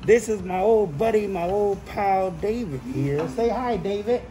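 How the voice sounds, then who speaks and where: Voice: mid-range voice, a little slow, dark tone. A cooking show host speaking through a face mask in a casual, chummy, folksy way during a demonstration. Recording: echoey room, music over voice. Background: music.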